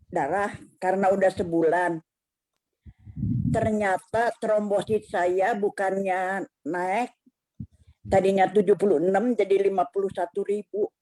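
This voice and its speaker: A woman's voice: medium pitch, dark tone. An older woman giving an emotional, rambling personal testimony over a video call, with many restarts. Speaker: congregation member giving a testimony.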